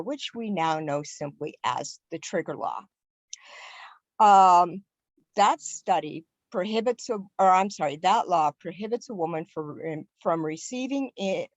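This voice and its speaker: A woman's voice: lowish voice, no echo, rough recording. A woman giving an earnest online webinar presentation for a civic league, stressing key words as she speaks over a video call.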